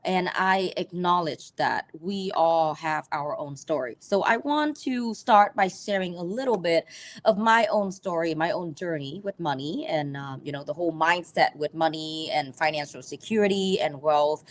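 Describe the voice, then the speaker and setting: A woman from Vietnam, teaching a live personal finance class in a halting way full of ums and restarts. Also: sits low.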